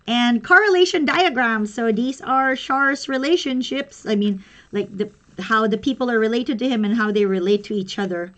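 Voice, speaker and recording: A woman's voice: mid-range voice, a bit bright. A young woman and pro wrestler chatting casually on a livestream as she unboxes something, rambling and giggling as she goes.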